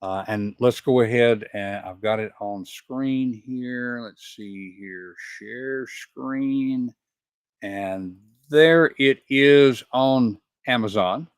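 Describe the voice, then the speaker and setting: A man's voice: mid-range voice, very slow, clean tone, dry recording, studio quality. An older man with a Southern accent hosts an interview over a video call and thinks aloud in a conversational way. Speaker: host.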